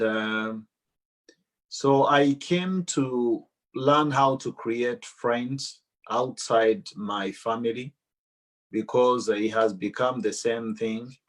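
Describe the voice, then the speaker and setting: A man with a Rwandan accent and a medium-pitched voice shares a personal testimony with a church audience. He speaks deliberately, halting with long pauses.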